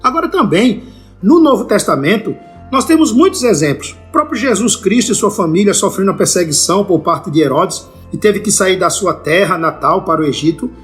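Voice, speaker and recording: A man's voice: high voice, expressive, a little fast, faint music behind. A male pastor giving a scripted answer to a listener's question, working methodically through scripture references and speaking straight to the listener. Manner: methodical, addresses the listener directly.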